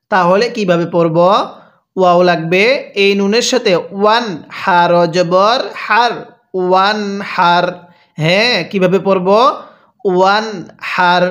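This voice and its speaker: A man with a Bangladeshi Bengali accent teaching Quran reading. He spells out each syllable slowly and asks the listener to repeat after him. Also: high-pitched. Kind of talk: slow syllable-by-syllable recitation lesson.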